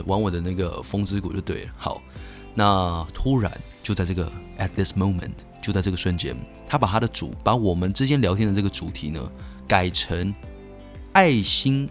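A young man from Taiwan, hosting a podcast and telling a story in an animated way, full of restarts and self-answered asides. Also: on the low side. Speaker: podcast host.

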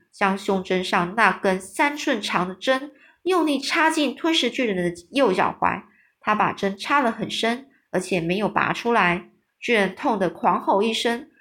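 A woman reading a children's story aloud, lively, pausing to explain hard words in plain talk. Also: medium pitch. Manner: lively, with small restarts.

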